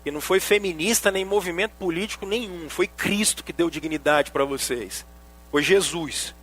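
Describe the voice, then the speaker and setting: A Brazilian man preaching a sermon as pastor, animated and joking, speaking straight to the congregation. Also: a little high, normal speed, breathy edge.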